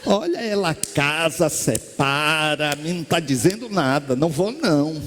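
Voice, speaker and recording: A Brazilian man with a high voice gives a spiritist talk from a stage. He tells stories in a lively way and acts out the voices of the people in them. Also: a little slow, background noise. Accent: Brazilian Portuguese. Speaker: spiritist lecturer. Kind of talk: storytelling lecture. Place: lecture hall stage.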